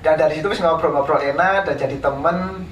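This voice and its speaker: A man from East Java, an interviewed painter, tells his life story in a casual, unhurried way with many fillers. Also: a little high. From East Java, Indonesia. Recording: roomy, from a distance, faint background noise.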